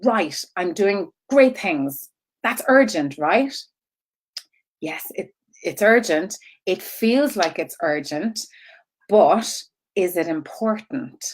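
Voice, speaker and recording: A woman's voice: fairly low pitch, expressive, slow pace. Rambling woman coach teaching informally. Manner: rambling, goes off on tangents and circles back; repeats herself and checks in with "right?" and "okay?". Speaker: online business coach. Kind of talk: informal live-stream teaching to creatives.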